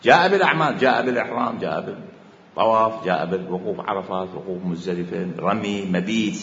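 A man's voice: fairly low pitch, quick pace, a bit bright. A man with an Iraqi Arabic accent giving a religious law lecture, arguing a point by posing questions and then answering them himself. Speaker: jurisprudence teacher. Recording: echoey hall, dull muffled sound.

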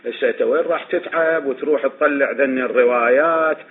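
A man's voice: mid-range voice, fairly quick. A man with an Iraqi Arabic accent teaches a class in religious law, often throwing a question to the room and answering it himself. He repeats key points to drive them home. The recording is thin and phone-like, with a faint hiss behind it. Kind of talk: classroom lecture on legal reasoning.

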